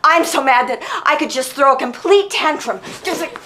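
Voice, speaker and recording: An actress playing a bossy, theatrical woman coaching a little girl, emphatic and exaggerated, often shouting. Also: sits high, lively intonation, normal speed. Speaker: adult coaching a child. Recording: loud background noise.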